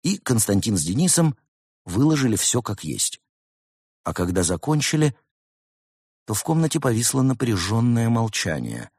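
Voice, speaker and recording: A man reading a storybook aloud in a measured, wry narration. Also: mid-range voice, sing-song, a little mellow, slightly rough, dry recording, studio quality.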